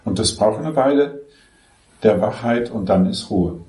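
Calm low-voiced man teaching, roomy echo. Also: measured pace. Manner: patient, explaining step by step. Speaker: spiritual teacher. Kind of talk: spiritual dialogue on self-inquiry.

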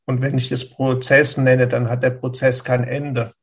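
A man speaking as a spiritual teacher who answers a listener's question in a slow, searching way, with pauses and restarts. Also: medium pitch, flat delivery, vocal fry, slightly rough.

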